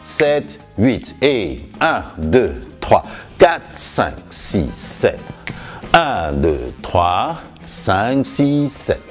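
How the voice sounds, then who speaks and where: Lively low-voiced male dance teacher. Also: drawn-out words, soft background music. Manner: lively, encouraging, counts beats with sung emphasis. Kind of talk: home dance lesson, counting steps aloud.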